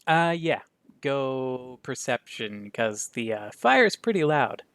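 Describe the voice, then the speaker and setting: A man running a tabletop game as game master, relaxed and thinking aloud. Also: mid-range voice, slow, clean tone, no echo.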